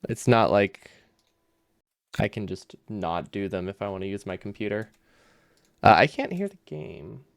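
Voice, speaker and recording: A man's voice: on the low side, animated, unhurried, vocal fry, long pauses, clean tone, no echo. A man chatting casually on a game livestream, easygoing and rambling as he thinks aloud, his speech slightly impeded by a loose dental retainer. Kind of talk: casual livestream chat while gaming.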